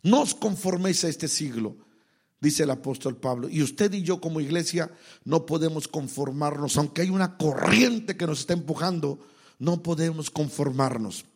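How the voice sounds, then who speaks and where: A Mexican man preaching a sermon with a Mexican accent, swinging between loud exhortation and quiet asides, then leading the congregation in prayer. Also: a little high, normal speed, gravelly, slightly rough. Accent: Mexican Spanish. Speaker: pastor.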